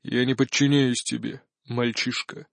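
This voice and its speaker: A man voicing a haughty older Japanese shogun who speaks low, quiet and disdainful. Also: flat delivery, a little slow, creaky, no room sound, studio quality.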